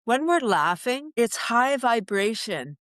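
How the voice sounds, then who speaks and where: A woman from Canada, a laughter yoga teacher, chatting as a guest in an interview in an enthusiastic, animated way, often breaking into laughter. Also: on the high side, takes it slowly, no echo, clean studio sound. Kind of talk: casual interview chat.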